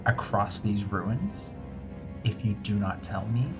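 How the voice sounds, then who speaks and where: A man playing a ruthless, threatening adventurer in a tabletop game, speaking deliberately and with menace. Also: on the low side, over loud music, poor audio. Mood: menacing. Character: threatening, ruthless dragon-keeping adventurer named Wrath. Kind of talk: in-character tabletop role-play.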